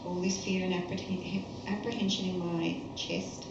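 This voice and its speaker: Female therapy practitioner, slow repetitive guided phrases with pauses, dull reverberant recording with clear background noise. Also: on the low side, level tone. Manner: repeats short phrases, pausing between them. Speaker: EFT tapping practitioner leading a session. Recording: very echoey, noisy, dull room recording.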